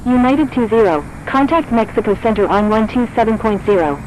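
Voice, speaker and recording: A woman's voice: a little high, lively intonation, a little fast, close to an everyday voice. A woman voicing an airport tower controller in a flight simulator game, giving clipped, formulaic air traffic control radio calls. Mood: procedural. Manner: clipped, formulaic, scripted delivery.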